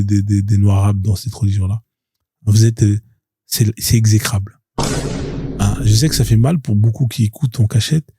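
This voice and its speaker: A man's voice: fairly low pitch, warm tone, breathy edge, no echo, clean studio sound. A man hosting a live stream, talking in a mocking, confrontational way, repeating his points over and over. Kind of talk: provocative live stream monologue.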